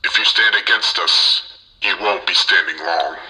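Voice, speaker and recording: A man's voice: sits low, moderate pace, bright, forceful tone, low-quality recording. An actor playing a cold, commanding masked male villain, heard through a mask voice changer played back from a soundboard. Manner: clipped, menacing canned phrases.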